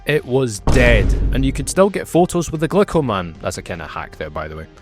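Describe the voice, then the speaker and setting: A man's voice: mid-range voice, big pitch swings, quick pace, over music. Wry man narrating a travel vlog. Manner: wry, sarcastic asides with playful emphasis. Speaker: travel vlogger.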